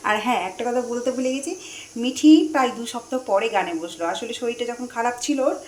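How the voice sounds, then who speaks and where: A woman's voice: a little high, fast. A middle-aged woman, chatting casually to her phone camera as she cooks at home. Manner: chatty, running commentary while cooking. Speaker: vlogger, mother cooking at home. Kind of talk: casual home cooking vlog. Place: home kitchen, indoors. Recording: echoey kitchen with faint frying noise.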